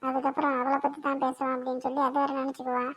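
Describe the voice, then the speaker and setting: A woman's voice: high voice, little pitch movement, very fast, a bit bright, soft background music. A woman voicing a fussy, scolding elderly grandmother in a cartoon. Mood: chatty. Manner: scolding, grumbling. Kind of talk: cartoon voice acting.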